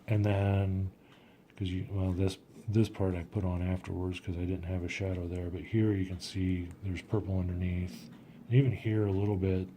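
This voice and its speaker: A man's voice: deep voice, flat delivery, normal speed, dark tone, a little hiss or hum. A man casually talking through his watercolor technique as he paints, thinking aloud and often trailing off. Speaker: watercolor artist.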